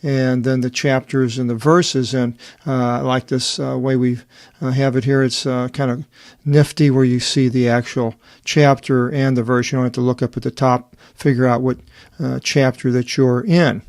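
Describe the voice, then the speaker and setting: Halting man walking through a book. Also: medium pitch, fairly even intonation, a little mellow, no echo, clean studio sound. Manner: halting, many fillers and restarts. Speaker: Bible translator presenting his edition. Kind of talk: unscripted screen walkthrough.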